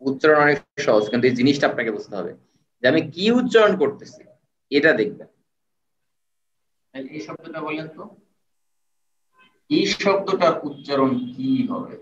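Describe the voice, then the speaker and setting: A man teaching an online class, patiently repeating words and sounding them out slowly. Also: fairly high pitch, very animated, a little hiss or hum. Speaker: online tutor. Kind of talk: live online lecture. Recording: roomy, distant, dull sound.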